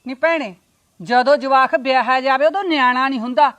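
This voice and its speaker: An actress playing a sharp-tongued, middle-aged visiting aunt in a Punjabi short drama, complaining and scolding with indignation. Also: female voice, high-pitched, a little fast. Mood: indignant.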